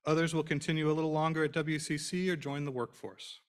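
A man's voice: on the high side, level tone, smooth. Man giving a formal podium speech. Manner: formal, measured, trailing off at phrase ends. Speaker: program director introducing scholars. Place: auditorium stage. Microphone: podium microphone.

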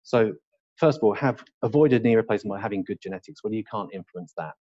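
A man's voice: lowish voice, animated, quick pace, mellow, no room sound, muffled recording. A middle-aged man, an orthopaedic surgeon, giving a live webinar lecture in a hospital lecture room. He is emphatic and opinionated, with rhetorical questions and blunt humour.

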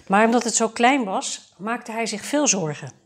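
A woman storyteller reading a fairy tale for adults aloud in a calm, measured way. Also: fairly high pitch.

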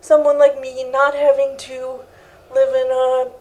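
Earnest young woman, high voice. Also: completely flat delivery, a little slow, darkish tone, poor audio. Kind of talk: interview answers. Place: living room set indoors.

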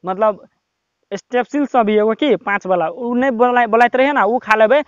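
A young man with a Maithili accent giving casual, rambling, encouraging advice to viewers, with lots of filler words, filmed by his brother in a quiet spot. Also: very high voice, moderate pace, smooth, no echo, dull audio. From Nepal. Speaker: YouTube tips vlogger. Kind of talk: casual motivational talk to camera.

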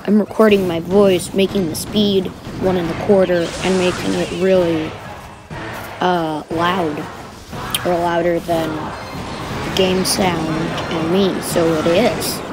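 A woman's voice: lowish voice, little pitch movement, takes it slowly, music in the background, poor audio. A woman giving chatty, giggly commentary over her gameplay, recorded afterwards.

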